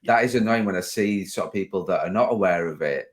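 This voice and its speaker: A man from northwest England hosting a podcast, talking in a relaxed, easygoing conversational way. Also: sits low, fast. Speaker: podcast host. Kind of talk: casual podcast interview.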